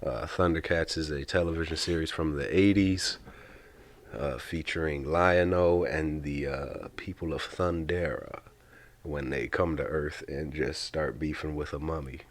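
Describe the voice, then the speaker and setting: A man's voice: rumbling low, fairly even intonation, unhurried. A man co-hosting a podcast in casual chat, joking and often stammering into restarts. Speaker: podcast co-host.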